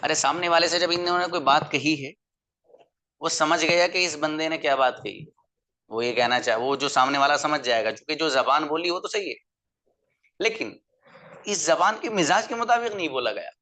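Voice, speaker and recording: Bright-voiced male teacher drilling pronunciation. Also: fairly high pitch. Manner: patient, repeats words slowly for drilling, addresses listeners as brother. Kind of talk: online class lecture.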